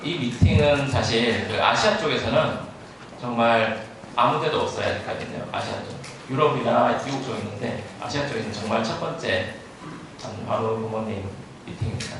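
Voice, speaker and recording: A man interpreting consecutively at a medical lecture, speaking haltingly, restarting phrases and dropping English terms into his sentences. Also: medium pitch. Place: large echoing room at a talk. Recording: very echoey room, distant mic, faint noise.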